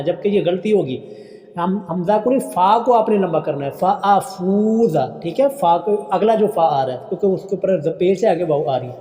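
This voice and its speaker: A man with a Pakistani Urdu accent teaching Quran recitation, stretching out each phrase slowly before calmly explaining how to pronounce it. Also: high voice, echoey room, in a large hall. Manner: drawn-out, slowed recitation of each phrase, then calm correction. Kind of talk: slow tajweed lesson, reciting then explaining.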